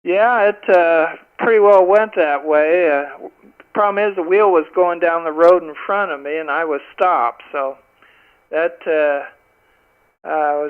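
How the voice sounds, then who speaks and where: A man's voice: on the high side, clean tone, phone-quality sound. An American man chatting casually as a participant on an amateur radio net, heard through a two-way radio. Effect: heard over amateur two-meter radio. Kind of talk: casual ham radio chat. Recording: band-limited two-way radio.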